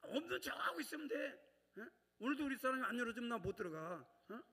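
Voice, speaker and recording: A man's voice: very high voice, sing-song, quick pace, vocal fry, sharp tone, breathy edge. A male pastor preaching a sermon in a chatty way, often checking in with the congregation. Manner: conversational, keeps prompting the congregation. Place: church sanctuary. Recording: long church reverb.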